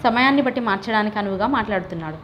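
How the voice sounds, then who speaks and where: A woman reading a novel aloud as an audiobook narrator, steady and measured. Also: mid-range voice, slight background noise. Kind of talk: scripted narration.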